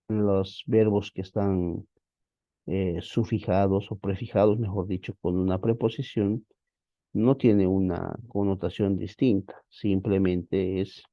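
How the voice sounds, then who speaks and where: A man with a very low voice lectures slowly and patiently, addressing his students as brothers. The sound is dry and a little dull, like a computer mic in an online class. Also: no echo. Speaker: Bible Greek teacher.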